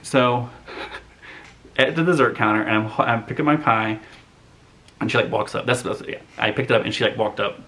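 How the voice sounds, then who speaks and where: Man, 30s, casual vlogger, rambling and animated storyteller, mid-range voice. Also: mid-range voice, moderate pace, pauses often. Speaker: movie vlogger. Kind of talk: casual chat to camera.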